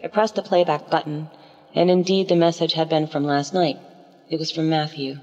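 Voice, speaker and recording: A woman giving steady first-person narration of a dark radio-play story, with a menacing edge. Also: low-pitched, normal speed. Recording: slightly muffled, with faint music underneath.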